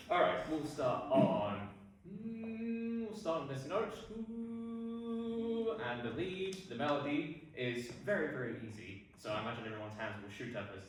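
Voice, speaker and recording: A man teaching barbershop song parts to an audience, unhurried, singing example notes between his explanations. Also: medium pitch, big pitch swings, slight background noise. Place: hall with an audience. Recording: echoey hall, distant mic.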